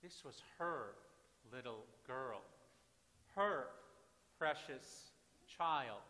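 Slow-talking pastor, high bright voice, dramatic sermon, echoey church heard from far back. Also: male voice, animated. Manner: dramatic preaching, swings from hushed to loud. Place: church sanctuary with congregation. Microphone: far camera at back of church.

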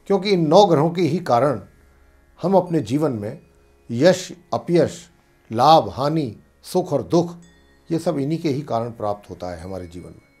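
Calm astrologer explaining mantras. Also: male voice, medium pitch, husky. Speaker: astrologer and pandit. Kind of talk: devotional teaching talk.

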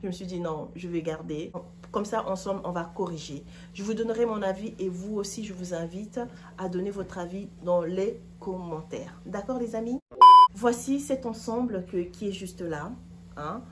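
A woman in her thirties reviews an outfit casually to camera from the couch in her living room. As a fashion vlogger she's chatty and full of opinions, speaking at medium pitch and moderate pace over background noise.

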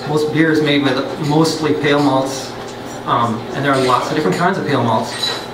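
A brewer with a slightly high, steady voice talks science at a moderate pace to a pub audience, casually, with joking digressions and many restarts. The recording is distant and roomy, buried in loud background noise.

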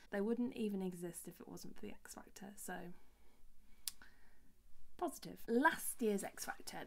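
A young woman, a singer-songwriter, ranting in a vlog, animated and exasperated, with her voice leaping up on outbursts. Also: medium pitch.

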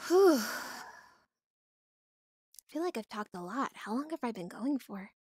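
A fairly high-voiced woman chats on her live stream, slow and unhurried between bursts of mock outrage and giggles. Her voice comes through a VR headset mic, close and dry with no room sound. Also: big pitch swings, a little mellow, slightly rough, no echo. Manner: playful, with mock-dramatic outbursts and frequent laughter. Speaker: livestream host. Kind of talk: casual live-stream chat.

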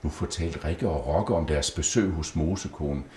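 Male storyteller, deep and animated, roomy echo. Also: a little hiss or hum. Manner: gentle, lively storybook reading. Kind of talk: reading a Christmas story aloud.

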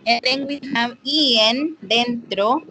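Slow-speaking woman teaching English online. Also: a little high, bright, forceful tone, slight background noise. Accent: Salvadoran Spanish. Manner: mixes Spanish and English, asks students questions. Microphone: computer mic on a video call.

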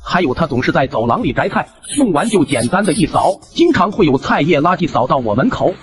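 A man's voice: on the high side, big pitch swings, a little fast, music in the background. A young man narrating his own comic cartoon story in a chatty, wry way.

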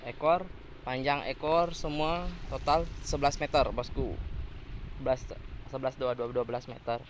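A man's voice: medium pitch, steady tone, normal speed, slight background noise. A man hosting a casual kite-making vlog, chatty and often calling viewers boss. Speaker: kite maker and channel host. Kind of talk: casual tutorial vlog narration.

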